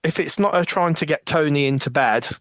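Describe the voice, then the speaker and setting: Male podcast co-host, fairly high voice, animated retelling, frequent laughs and restarts. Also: a little fast, no room sound, studio quality. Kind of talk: casual chat, retelling TV scenes.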